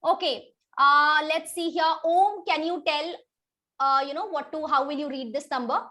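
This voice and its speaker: A woman with an Indian accent teaching an online children's maths class, briskly urging her pupils along and dropping in Hindi interjections. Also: high-pitched, sharp tone.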